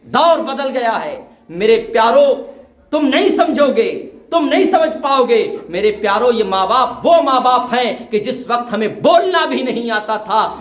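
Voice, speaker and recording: A man's voice: very high-pitched, fairly bright tone. A man delivering an impassioned, pleading religious sermon to a gathering, calling his listeners his dear ones. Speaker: preacher. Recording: echoey hall.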